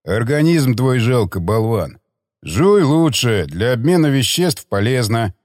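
A man voicing an unflappable, blunt man who speaks in a low, deadpan way, in an audiobook. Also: measured pace, no echo, studio quality, long reverb tail.

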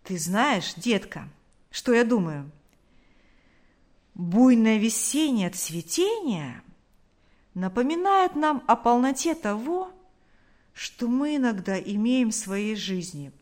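A hoarse, folksy old neighbor, as a woman voices him in an audiobook, rambling philosophically and without hurry. The voice lifts higher and louder than her narration and swings widely in pitch. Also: sing-song. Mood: musing. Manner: unhurried, musing, calls her "kiddo".

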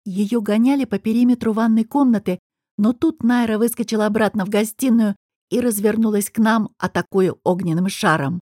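A woman narrating a first-person fantasy audiobook in an even, expressive storytelling manner. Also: mid-range voice, a little fast, dry recording, studio quality.

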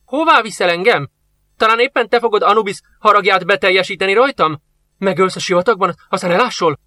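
A man voicing a frightened old male embalmer who pleads in a high, anxious voice. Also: very animated, pushed and bright, no room sound, heavily acted.

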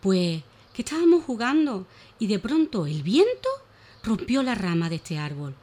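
A woman's voice: mid-range voice, very animated, moderate pace, warm tone. A woman reading as trapped little storybook animals. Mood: distressed. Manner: plain storytelling delivery. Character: small bird and rabbit, trapped storybook animals.

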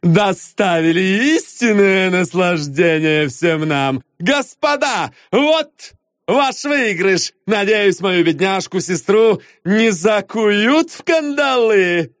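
A man voicing a mocking, theatrical gentleman in an audiobook, drawing his words out slowly. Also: sits high, animated, no echo, studio quality, voice pushed up, full character voice.

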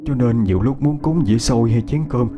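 A man's voice: mid-range voice, brisk, muffled recording, background noise, close to an everyday voice. A man voicing a kind, humble village husband who speaks politely and hesitantly. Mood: gentle. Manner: soft-spoken, polite, hesitant.

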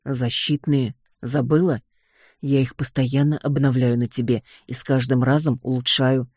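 Reader doing a calm young sorcerer lord. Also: mid-range voice, normal speed, breathy edge, no room sound, studio quality. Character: calm young sorcerer, head of a noble clan.

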